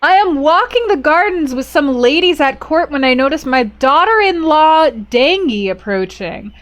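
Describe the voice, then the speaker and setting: A woman streams a strategy game live, and her voice sits high and swoops widely as she talks. She reads event text aloud in a storytelling way, then breaks into playful outbursts and chats with viewers. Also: animated, moderate pace. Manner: playful, exclaims loudly and talks to chat.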